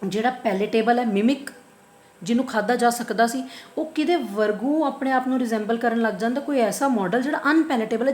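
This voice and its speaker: A woman's voice: fairly high pitch, darkish tone. A woman with a Punjabi accent giving a biology lesson in a slightly raised voice. She poses questions and answers them herself, going back over each term. The room around her is echoey. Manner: asks and answers her own questions, repeats key terms. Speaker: biology teacher. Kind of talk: online lecture.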